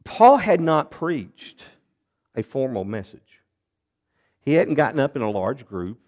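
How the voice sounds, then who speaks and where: A man preaching a sermon, retelling a Bible story in an animated storytelling manner with big swings in pitch and loudness. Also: gravelly.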